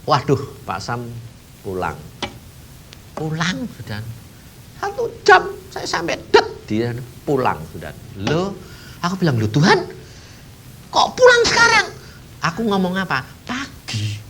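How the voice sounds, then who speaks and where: A man preaching a sermon, telling a story in a lively, animated way. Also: sits high, measured pace, slight background noise. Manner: animated storytelling, mixing in Javanese words. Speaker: evangelist preacher.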